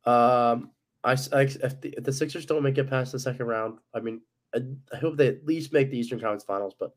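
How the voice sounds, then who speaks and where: A man co-hosting a sports podcast, his voice audibly worn from being sick. He talks in a loose, agreeable way and leans on fillers. His pitch sits in a middle range. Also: brisk. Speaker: podcast co-host. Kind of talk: casual sports podcast chat.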